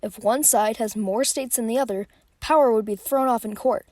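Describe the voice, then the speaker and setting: A woman's voice: on the high side, normal speed, mellow. A young woman narrating a sarcastic comic history explainer, recorded on a phone. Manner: sarcastic, playful. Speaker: video creator.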